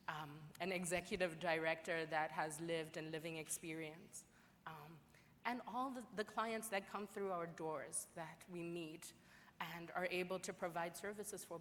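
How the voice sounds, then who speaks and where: A woman's voice: lowish voice, a bit bright, slight background noise. A woman from Zimbabwe, a support services manager, introducing herself on a panel in a heartfelt, personal way. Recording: reverberant hall with faint ambience.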